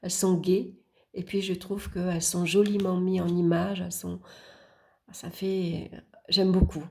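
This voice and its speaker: A woman's voice: on the low side, flat delivery, vocal fry. A woman presenting a tarot deck, unhurriedly naming the cards as she flips through them with small hesitations. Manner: unhurried, murmuring card names while flipping, with small hesitations; warm, admiring remarks about the artwork. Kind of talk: casual deck walkthrough.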